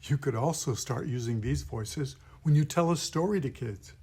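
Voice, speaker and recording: A man's voice: medium pitch, moderate pace, a little mellow, husky. A man, a pastor, patiently teaching puppet voices step by step in an instructional video.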